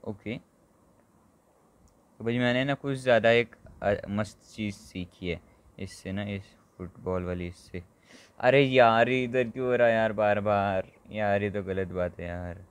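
A man with a fairly low voice talks through a mobile football game as he plays it. His commentary is casual and excitable, full of quick exclamations, and he addresses his viewers like friends. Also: smooth. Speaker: gaming channel host. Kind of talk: casual live gameplay commentary.

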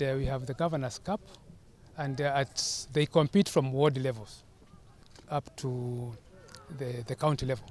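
County official, fairly high voice, earnest and halting outdoor statement. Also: male voice. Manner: earnest, with "uh" pauses and restarts. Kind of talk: press statement. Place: outdoors at a stadium. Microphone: handheld press mics.

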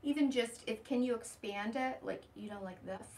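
A woman's voice: on the high side, moderate pace, a little mellow. Older woman, far from the mic. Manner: chatty, explains steps while working. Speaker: furniture painter demonstrating. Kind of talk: live how-to demonstration and chat. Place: indoor shop basement full of furniture. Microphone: far camera. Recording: distant voice, faint room noise.

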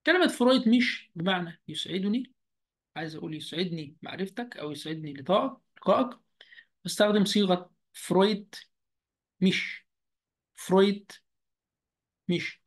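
A man with an Egyptian Arabic accent, teaching a beginner German lesson over a video call. He speaks slowly and repeats each word deliberately. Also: high-pitched, expressive. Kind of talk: online language lesson.

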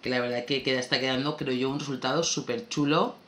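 A woman's voice: very deep voice, quick pace. Chatty woman narrating a craft tutorial. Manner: chatty, relaxed, thinking aloud while working. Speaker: scrapbooking tutorial host. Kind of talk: casual craft tutorial voice-over. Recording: roomy sound with faint background music.

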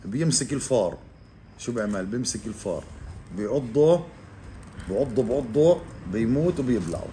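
A man, casually explaining to viewers while calmly coaxing an animal, often in a hushed voice. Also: medium pitch, brisk, a little hiss or hum. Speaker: reptile keeper vlogger. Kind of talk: casual handheld animal vlog.

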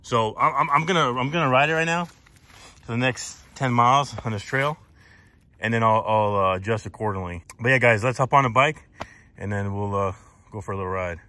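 A man talks his way through a casual hands-on bike review outdoors in the woods, his voice in an even middle range. He rambles, stacks up fillers and restarts his sentences. The sound comes from a small action camera mounted nearby. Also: mid-range voice, moderate pace, dry recording. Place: outdoors on a wooded trail.

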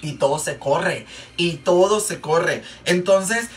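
A man's voice: fairly high pitch, slow. A man with a Mexican Spanish accent, chatting and rambling in a casual gossip storytime while doing makeup for a vlog, with many fillers and repeats. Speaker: makeup vlogger. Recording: distant mic, faint background noise.

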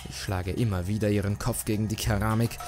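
A man reading a horror story aloud in steady, measured narration. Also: fairly low pitch. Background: background music.

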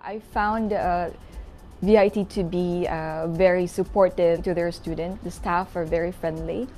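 A woman's voice: lowish voice, fairly even intonation, a little slow, a little mellow, faint music behind. A woman student from the Philippines giving a rehearsed promotional testimonial.

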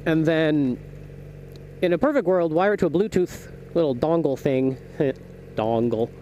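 A young motovlogger rambles casually to viewers while riding a motorcycle outdoors, thinking aloud and correcting himself. His voice is on the high side and unhurried, caught by a small mic inside his helmet on a low-quality recording full of loud engine, wind and road noise.

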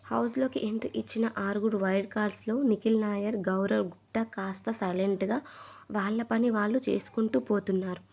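A woman narrating a dramatic episode recap; she gets louder when retelling arguments. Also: medium pitch.

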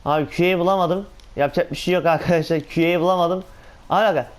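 A man giving casual, excitable commentary on his own gameplay, talking to himself and exclaiming often. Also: on the high side, very fast. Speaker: gaming channel host.

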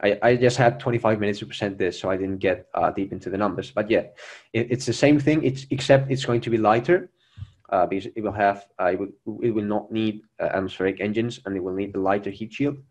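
Low-voiced young man answering questions. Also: darkish tone. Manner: earnest, halting with many fillers and restarts. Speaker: presenter of a Mars mission plan. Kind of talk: conference Q&A answers. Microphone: video call.

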